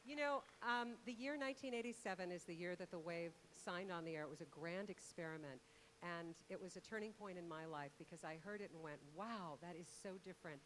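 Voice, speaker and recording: A woman's voice: fairly low pitch, fairly quick, a bit bright, a little hiss or hum. A middle-aged woman, a radio host, emceeing from an outdoor concert stage into a handheld mic, chatty and full of thank-yous.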